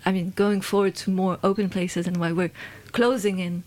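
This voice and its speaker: Hesitant, reflective woman speaking flatly. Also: lowish voice, moderate pace. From London. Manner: hesitant, with frequent fillers and restarts. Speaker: guest. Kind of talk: conversational interview.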